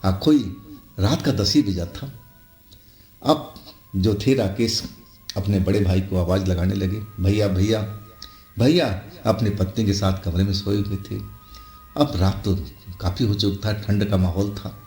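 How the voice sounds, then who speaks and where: A man with a low voice tells a horror story in a loose, conversational way and drops in fillers as he goes. The room gives his voice a clear echo, and faint music plays underneath. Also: darkish tone. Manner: unhurried, conversational retelling with fillers. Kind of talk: storytelling narration with acted quotes.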